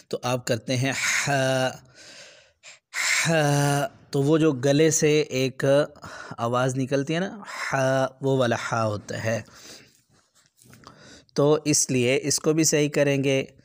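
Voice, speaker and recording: Slow, patient man teaching children. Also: medium pitch, steady tone. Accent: Pakistani Urdu. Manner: slow, patient explaining with everyday examples; drawn-out demonstration of letter sounds. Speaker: Quran reading teacher. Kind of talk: children's lesson.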